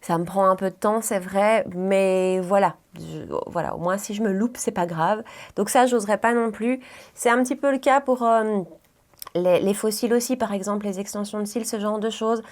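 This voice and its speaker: A young woman from the Brussels area with a Belgian French accent, chatting casually and filling pauses with "euh" and "voilà" while she does her makeup. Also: mid-range voice, fairly even intonation. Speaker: beauty YouTuber.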